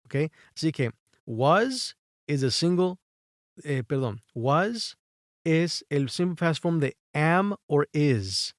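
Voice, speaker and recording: A man's voice: a little high, animated, slow pace, no echo, clean studio sound. A man with Spanish as his first language, teaching English grammar in a bilingual lesson, patiently spelling out letters and repeating each rule.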